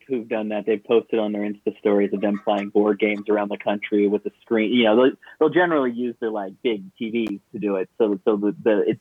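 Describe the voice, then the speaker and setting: A young man chatting casually on a podcast, heard through low-quality remote call audio, rambling with frequent restarts. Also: no room sound. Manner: rambling, with many restarts and stammered repeats. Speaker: podcast co-host. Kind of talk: casual chat. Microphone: remote video call. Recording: tinny dry video-call line.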